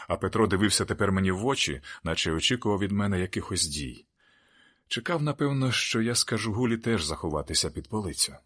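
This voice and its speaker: A man with a very low voice reads a novel aloud in the first person. His narration is steady and measured, a plain audiobook reading. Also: husky.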